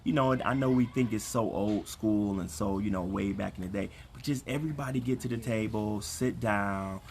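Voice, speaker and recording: A man's voice: on the low side, normal speed, creaky, darkish tone. A man calling from the backyard as co-host of a casual livestream, earnestly encouraging listeners and repeating phrases for emphasis. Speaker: co-host of a relationship ministry livestream. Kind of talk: casual chat with preacherly encouragement. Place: outdoors in a backyard. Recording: some background noise, outdoor livestream.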